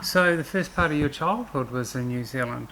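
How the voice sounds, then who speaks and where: A woman's voice: very deep voice, expressive, normal speed, fairly bright tone, a little hiss or hum. A woman hosting a casual interview, asking her co-host questions in a hesitant way with many ums.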